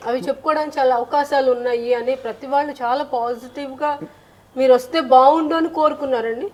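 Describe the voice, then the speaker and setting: Firm-spoken woman, higher voice. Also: fairly even intonation, fast talker. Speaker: interviewee, political aspirant. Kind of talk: interview answers.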